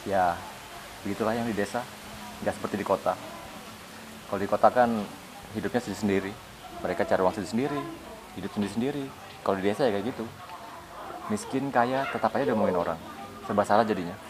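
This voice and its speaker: An actor playing a poor, patient husband who drives a motorbike taxi, speaking gently and pleading, in a web drama. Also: male voice, fairly low pitch, quick pace, pauses often, background noise, lightly acted. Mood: resigned. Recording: music playing underneath. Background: guitar music.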